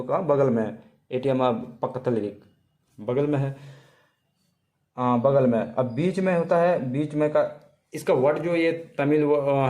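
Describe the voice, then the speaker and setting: Man teaching, slowly repeating words. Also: mid-range voice, mellow. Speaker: language teacher. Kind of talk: casual spoken lesson.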